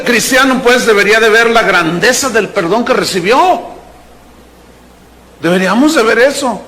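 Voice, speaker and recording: A man preaches in a high, bright register. His sermon is animated and playful, and he often slips into little acted-out voices for the people in his stories. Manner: animated, playful preaching, acts out characters and jokes. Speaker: pastor.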